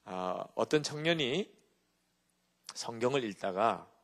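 A man preaches a sermon with a middle-pitched voice that rises and falls widely as he tells stories. He keeps turning to his congregation with quick rhetorical questions. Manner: animated storytelling with rhetorical check-ins to the congregation. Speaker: pastor.

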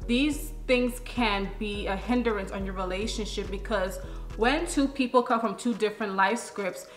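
A young woman co-hosting a vlog sits on a sofa in her living room and gives casual relationship advice to camera, emphatic and explanatory. Her voice is medium-pitched at normal speed, the room is echoey, and music plays in the background.

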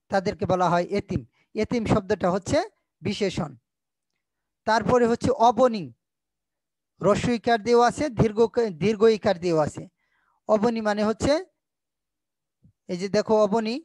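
A woman's voice: medium pitch, darkish tone, no room sound, rough recording. Patient Bangladeshi Bengali woman teaching, dry. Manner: patient, repeats each point and sounds out words slowly. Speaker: school teacher. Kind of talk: recorded classroom lesson.

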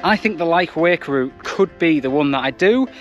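A man's voice: fairly high pitch, animated, moderate pace, a bit bright, soft background music. A young man chatting casually to camera while out running on a trail. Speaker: running vlogger. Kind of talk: casual vlog talk to camera. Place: outdoors on open moorland trails. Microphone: action camera held at arm's length.

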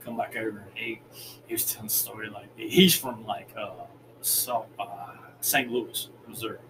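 A man's voice: fairly low pitch, steady tone, normal speed. A man co-hosting a podcast, telling stories in a loose, profane, laughing way. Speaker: podcast co-host. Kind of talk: casual storytelling. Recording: noisy room ambience.

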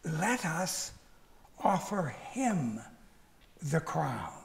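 A man's voice: a little high, sing-song, heavily acted. A man doing a quavering old elephant elder. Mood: solemn. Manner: slow, with throat-clearing.

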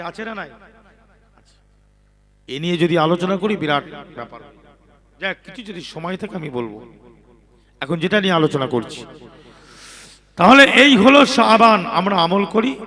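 A man preaching to a gathering. He moves between low conversational asides and loud, chanted passages. He keeps asking his listeners to answer him out loud. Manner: calls on the crowd to answer loudly, swings from soft talk to chanted preaching. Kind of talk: sermon.

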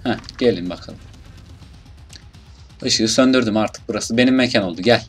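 A young man with a Turkish accent casually commentating his gameplay, muttering, swearing at enemies and bursting out loudly now and then. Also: on the low side, moderate pace, husky, soft background music. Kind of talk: casual let's play commentary.

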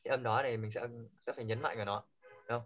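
A man with a Vietnamese accent teaches English pronunciation in a classroom, speaking very fast in a steady, mid-range voice. He coaxes his students and loudly models words for them to repeat, though the recording is muffled.

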